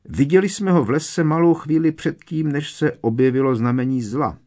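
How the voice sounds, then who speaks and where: A man voicing a teenage witch girl who argues her point in a shrill, insistent way. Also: a little mellow.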